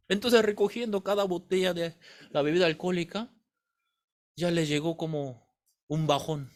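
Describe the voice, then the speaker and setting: Male pastor, sermon, animated storytelling, high voice, lively swings in pitch. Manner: animated storytelling, quizzing the congregation.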